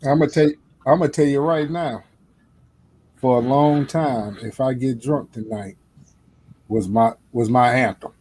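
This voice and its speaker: A man's voice: medium pitch, fairly even intonation, normal speed, a little mellow, a little hiss or hum. A man hosting a casual interview, mostly short affirmations and playful asides. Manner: brief backchannels and laughing asides. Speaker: interviewer host.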